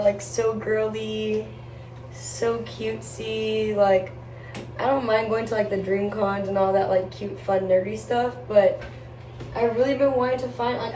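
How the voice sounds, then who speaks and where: Mellow-voiced woman vlogging, roomy sound. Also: mid-range voice. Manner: rambling, girly slang, frequent "like". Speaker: lifestyle vlogger. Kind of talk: casual get-ready-with-me chat to camera. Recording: roomy, distant mic, faint background noise.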